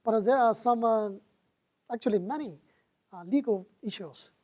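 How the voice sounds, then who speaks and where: With a lapel mic in a lecture hall, a middle-aged man from China, a guest lecturer, responds to audience questions in Chinese-accented speech that halts, restarts, and is filled with "uh." His voice is high-pitched and a little mellow.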